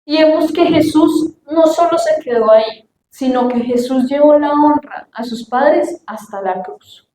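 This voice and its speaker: A young woman preaching a sermon, telling stories and acting out the voices of her family with lively energy. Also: sits high, measured pace, few pauses, slight background noise. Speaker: youth preacher. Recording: echoey room, faint background ambience.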